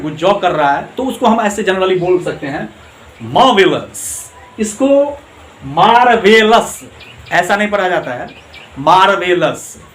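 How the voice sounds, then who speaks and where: A man teaching English grammar, explaining slowly in Hindi mixed with English and often checking that his listeners follow. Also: high voice. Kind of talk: classroom grammar lesson. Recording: echoey room with faint noise.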